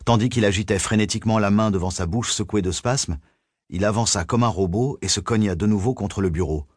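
A man narrating a thriller audiobook in a measured, suspenseful reading. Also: lowish voice, dry recording, clean studio sound.

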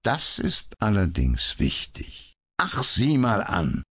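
A man's voice: on the low side, sing-song, a little slow, creaky, slightly rough, voice pushed up, full character voice. A man reading an audiobook, voicing the ironic, cool detective Sherlock Holmes with a raised, mocking tone. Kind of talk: audiobook character voice.

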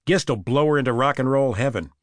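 A man's voice: mid-range voice, a little fast, dry recording, close to an everyday voice. A male audiobook narrator voicing a blunt, grumbling male police partner who speaks tersely. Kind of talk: audiobook character voice.

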